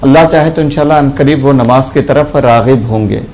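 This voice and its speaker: A man, a mufti, answering callers on air in a measured, instructive way and slowly reciting Arabic invocations. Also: medium pitch, a little mellow, poor audio. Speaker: mufti giving religious advice. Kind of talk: religious counsel on air.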